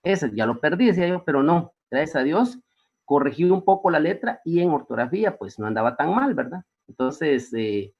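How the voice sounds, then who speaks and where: A male teacher gives a classroom lecture, his pitch swooping up and down as he peppers the students with questions. The recording sounds dull and lo-fi. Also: lively intonation, normal speed, a little mellow. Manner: rhetorical questions, frequent tag questions.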